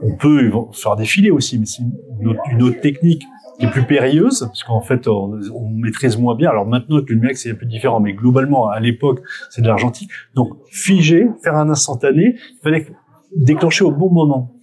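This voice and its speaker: Being interviewed, a middle-aged French photographer looks back on the past in a mid-range, darkish voice at a fairly quick pace. His unscripted answers are hesitant, with frequent self-corrections and repeated words.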